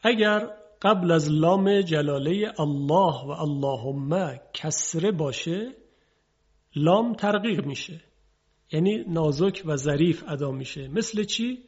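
A man with a slightly high, husky voice leads a televised Quran recitation lesson. He explains each rule patiently and then drawls the examples slowly. The audio sounds a little dull, as from a broadcast. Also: animated, a little mellow.

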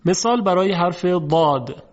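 A man teaching Quran recitation with a slightly high voice. He explains each letter plainly, then stretches the example words out slowly. The recording sounds dull and lo-fi. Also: animated. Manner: slow, drawn-out demonstration of heavy letter sounds. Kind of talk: tajweed lesson.

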